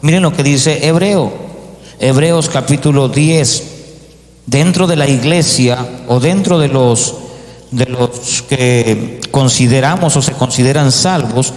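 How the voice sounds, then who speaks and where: A man's voice: mid-range voice, slow, darkish tone. A man preaching a sermon as pastor, rising to emphatic peaks and acting out the voices of doubters. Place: church. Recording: echoey church hall.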